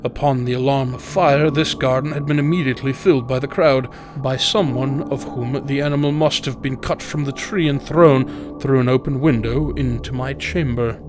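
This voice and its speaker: A man's voice: mid-range voice, fairly even intonation, close to an everyday voice. Guy doing a hammy dramatic horror story narrator, tormented and formal, draws out his phrases, music behind him. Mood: haunted. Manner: theatrical, formal, deliberate, with drawn-out phrases. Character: tormented male narrator confessing dark cruel deeds.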